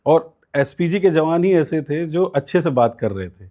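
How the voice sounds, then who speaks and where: A man's voice: on the high side, animated, moderate pace, warm tone. A man, a guest in an interview, telling a long story in a conversational way, with frequent fillers and quoted voices. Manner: recounts events at length with many fillers and quoted voices. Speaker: student politician guest.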